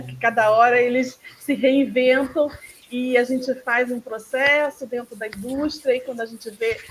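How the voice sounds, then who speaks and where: A woman's voice: on the high side, a little hiss or hum, rough recording. A woman with a Brazilian Portuguese accent hosting a live online talk, chatty and full of tag questions. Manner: chatty, frequent tag questions, laughs often. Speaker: host.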